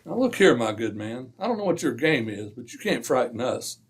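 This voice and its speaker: A man playing a proper, easily flustered British gentleman doctor, blustery and polite, in an old-time radio drama. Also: mid-range voice, very animated, brisk, noisy background. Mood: indignant. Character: indignant, easily flustered gentleman doctor, detective's loyal companion.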